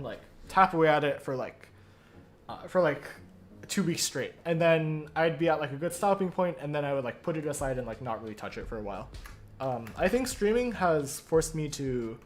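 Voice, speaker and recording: Hoarse young streamer thinking aloud. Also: mid-range voice, lively intonation, moderate pace, slight background noise. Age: young adult. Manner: thinks aloud, self-correcting, many fillers. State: hoarse, croaky. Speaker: streamer studying compilers. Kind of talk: casual live-coding narration.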